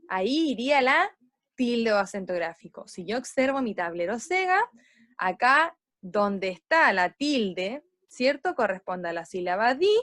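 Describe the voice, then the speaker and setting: A primary school teacher, a woman, speaks to young pupils in a lively voice that climbs high and swoops back down. She slows right down to stretch out each stressed syllable. The sound is close and dry, with no room around it. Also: no echo. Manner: slow, stressed syllables when modeling words. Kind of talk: explanatory lesson for children.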